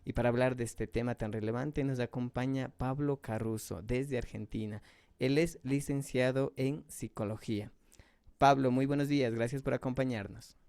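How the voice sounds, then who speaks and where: Smooth-voiced devout radio host man. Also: medium pitch, steady tone, darkish tone, no echo. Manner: measured, devout, slows for prayers.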